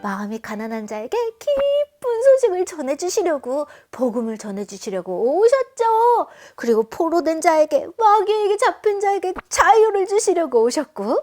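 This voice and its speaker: Give me a high-voiced woman preaching to children in a playful, expressive way. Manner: very expressive, playful, speaks to kids. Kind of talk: children's sermon.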